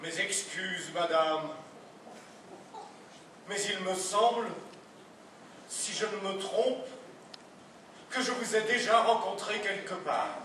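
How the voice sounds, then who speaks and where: A man's voice: high-pitched, a little hiss or hum. A man playing a stiff, ceremonious husband on stage. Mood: stiffly polite. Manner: formal, slow, ceremonious deadpan. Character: stiff, overly polite middle-class husband. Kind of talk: absurdist stage play. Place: theatre stage. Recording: echoey stage sound from a distant mic.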